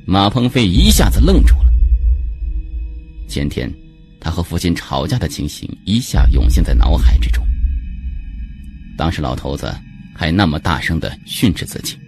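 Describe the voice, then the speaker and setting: A deep, husky male storyteller reading a dark tale, his pitch rising and falling a great deal. Faint music plays under his narration. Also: big pitch swings, normal speed, pauses often. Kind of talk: scripted narration.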